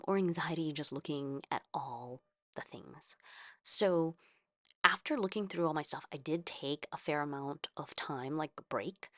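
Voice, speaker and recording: A low-voiced American woman from California hosts a craft video, chatting casually about journaling in a rambling, conversational style as she thinks out loud. The recording is dry.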